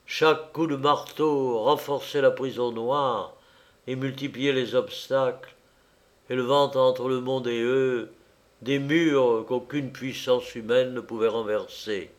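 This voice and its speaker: A man narrating a novel as an audiobook in a measured, dramatic way. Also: medium pitch, steady tone.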